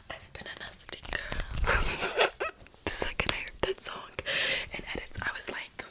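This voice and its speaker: A woman whispering close to the mic in an ASMR poetry reading, softly repeating words as triggers. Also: low-quality recording. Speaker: ASMR creator.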